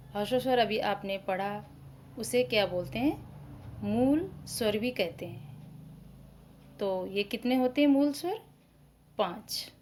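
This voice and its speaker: A woman teacher gives a lesson to young children, speaking slowly and carefully. She pronounces each sound distinctly, asks the class questions and answers them herself. Her voice sits at a medium pitch. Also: a little mellow. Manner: slow, spelled-out pronunciation.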